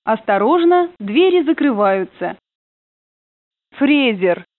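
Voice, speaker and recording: A woman calls out train stops over the intercom, slowly and formally, with a lively rise and fall in her voice. The sound is tinny and narrow, like a phone line, and dry, with no room echo. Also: a little high. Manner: formal, measured announcing. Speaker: train announcer. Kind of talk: recorded stop announcements.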